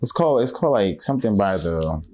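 A man's voice: lowish voice, very animated, fast, background noise. A man co-hosting a podcast in casual chat, hesitant and laid-back, circling his point with many fillers. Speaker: podcast co-host.

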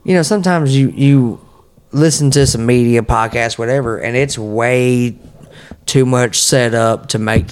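A man's voice: medium pitch, unhurried, smooth. Folksy, sweary man chatting casually. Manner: profane, folksy, rambling. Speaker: podcast guest. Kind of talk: casual chat. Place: at home.

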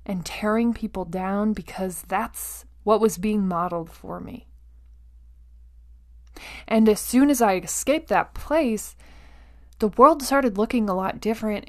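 On this motivational podcast, the woman hosting speaks in a voice on the high side, talking right to the listener. She stresses her phrases, pauses deliberately, repeats herself, and checks in rhetorically.

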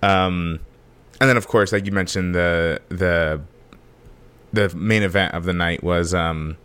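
Male podcast co-host, hoarse and deep, easygoing and filler-heavy. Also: fairly even intonation, unhurried, fairly bright tone. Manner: speaking low to spare his voice. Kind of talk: casual chat.

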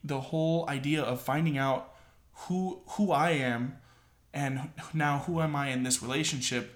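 A young man, a podcast guest, speaking sincerely and haltingly, often repeating words as he talks about faith and family. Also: on the high side, steady tone. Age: 20s. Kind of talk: casual interview chat. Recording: roomy echo.

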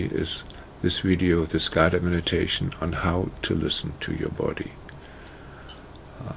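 Slow, gravelly low-voiced man. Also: a little hiss or hum. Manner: halting, many fillers like "you know" and "uh". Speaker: meditation teacher. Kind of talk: casual spoken talk.

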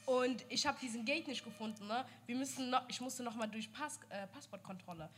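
A woman chatting on a podcast, telling lively stories and mixing German with English phrases as she goes. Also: a little high, a little fast. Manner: animated storytelling mixing German and English, laughing often. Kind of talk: casual chat. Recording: live podcast with audience noise.

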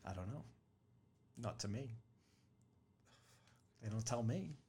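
A man's voice: fairly low pitch, lively intonation, takes it slowly, warm tone, slight background noise. A man co-hosting a casual podcast, laughing a lot and reacting bluntly with swearing. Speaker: podcast co-host. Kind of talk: casual chat.

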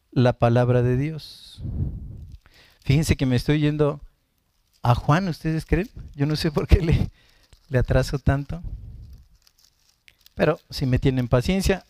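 A man preaching a live-streamed Bible study sermon in a fairly high, smooth, clear voice. He reads scripture verses and then explains them at an unhurried pace, correcting himself in asides. The sound is dry and close, with almost no room echo. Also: darkish tone.

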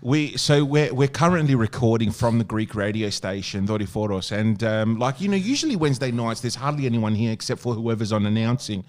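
A man's voice: medium pitch, expressive, fairly quick, few pauses. A man with an Australian accent hosting a casual radio-style podcast, joking and swearing with mates in a blokey way. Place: radio station studio.

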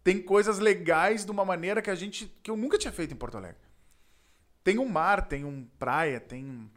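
A man from southern Brazil with a Gaúcho accent, telling a story in casual chat, animated and slangy, acting out the voices of the people in it. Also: sits high, normal speed. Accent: Gaúcho Brazilian Portuguese. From Rio Grande do Sul, Brazil.

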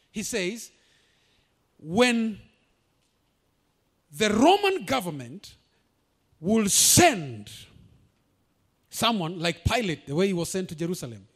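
Male pastor, very high voice, lively swooping delivery, emphatic sermon with shouted peaks. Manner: emphatic preaching, rising to shouts, drops into Swahili asides.

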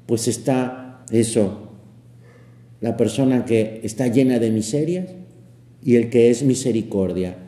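Slow, mellow-voiced man preaching in a reverberant hall. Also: mid-range voice. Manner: conversational, with many fillers and tag questions. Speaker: priest. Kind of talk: homily on the Gospel. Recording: echoey hall with long reverb.

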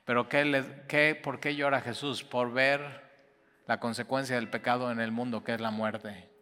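Man preaching, bright forceful voice, long hall reverb over soft guitar. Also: mid-range voice, level tone, normal speed. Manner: impassioned, swings from loud to hushed. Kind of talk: sermon.

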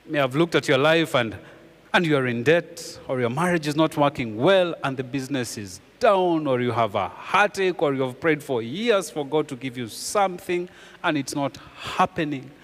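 A man preaching a sermon as pastor, earnestly repeating key phrases and dropping his voice low for emphasis. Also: lively intonation, moderate pace, fairly bright tone, long reverb tail.

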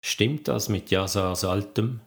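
A man reading a gruff, dry cop. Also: fairly low pitch, slow. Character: blunt, dry-humored male police detective.

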